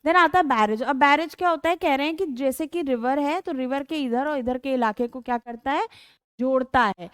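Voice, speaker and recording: High-voiced Indian woman teaching vocabulary. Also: moderate pace, no room sound, clean studio sound. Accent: Indian English. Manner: Hindi-English code-mixing, addresses students as beta; rhetorical questions with "है ना?" tags. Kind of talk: online exam-prep class.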